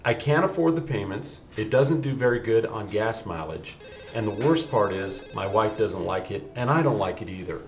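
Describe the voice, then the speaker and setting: A man's voice: on the low side, animated, moderate pace, slight background noise. A man playing an everyday husband and car buyer with bad credit in an infomercial. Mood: earnest. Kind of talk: infomercial testimonial acting. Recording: roomy echo, faint music behind.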